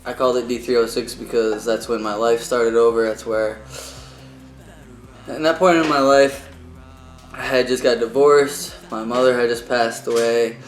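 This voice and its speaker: A man's voice: mid-range voice, fairly even intonation, normal speed, soft background music. Casual male musician in an echoey room. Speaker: musician being interviewed. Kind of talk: casual interview chat.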